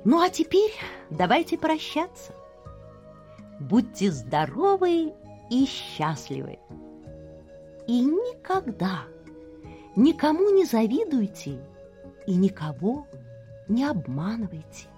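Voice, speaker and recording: A woman telling a legend to children, expressive and speaking straight to her young listeners. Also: on the high side, slow, pauses often, soft background music. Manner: expressive, addresses listeners directly. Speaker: children's storyteller. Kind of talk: storytelling for children.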